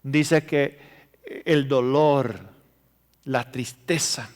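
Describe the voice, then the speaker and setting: A man preaching a sermon, telling emotional stories and swinging between loud passages and hushed ones. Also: medium pitch, steady tone, extremely slow. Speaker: pastor. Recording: reverberant hall.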